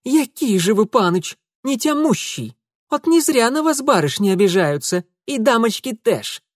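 A reader voicing a cheeky young maid with a Ukrainian-flavored rural accent who talks back sassily. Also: female voice, a little high, very animated, normal speed, no room sound, clean studio sound, pitched above the performer's own voice. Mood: sassy scolding. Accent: Ukrainian-flavored rural speech.

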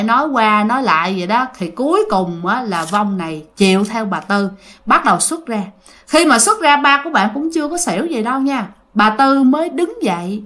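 Speaking in a bright, forceful voice on the higher side, a woman recounts a ghost story with a Southern Vietnamese accent. Her style is conversational, and she talks directly to her audience.

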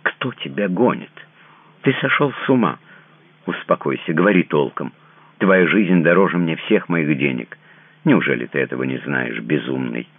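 A man's voice: rumbling low, lively intonation, moderate pace, husky, no room sound, heavily acted. A man voicing an anxious, tender noblewoman who pleads with and soothes her lover, in a dry, narrow, phone-like recording. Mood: pleading.

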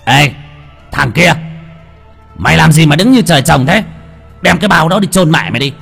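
A man voicing a harsh, bullying male household master who shouts curses and threats at his servant, in a horror audiobook. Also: fairly low pitch, big pitch swings, fast talker, vocal fry, husky, long reverb tail, soft background music, exaggerated voice. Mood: yelling.

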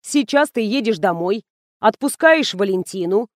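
A woman reading the part of a calm, dryly ironic male publisher. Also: medium pitch, moderate pace, no echo, clean studio sound, natural voice.

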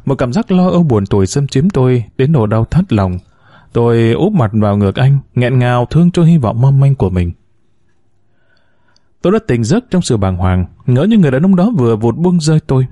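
A man reads a novel aloud with a mellow, softly rounded voice. His pitch rises and falls freely as he tells the story. The recording is dry and close, with no room sound. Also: no room sound. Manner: measured, expressive storytelling. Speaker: audiobook narrator. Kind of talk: scripted narration of a novel.

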